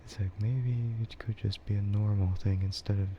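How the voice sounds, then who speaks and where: A young man streaming as a VTuber in a whispered role-play ASMR style, rambling softly with chuckles and fillers into a close mic. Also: fairly low pitch, steady tone, normal speed, dull audio, a little hiss or hum.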